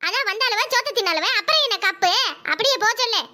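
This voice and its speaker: A woman voicing a scheming, sharp-tongued young sister-in-law in a Tamil cartoon, speaking with a Kanyakumari Tamil accent. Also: lively intonation, fast, heavily acted. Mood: quarrelsome. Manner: shrill, quarrelsome, fake-tearful.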